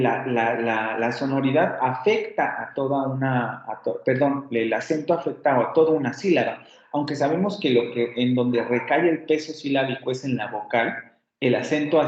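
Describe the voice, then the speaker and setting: A man's voice: mid-range voice, darkish tone. Mexican man lecturing, roomy lo-fi sound. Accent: Mexican Spanish. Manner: explanatory, repeats example words aloud, frequent self-corrections. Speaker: university lecturer. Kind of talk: online lecture on phonetics.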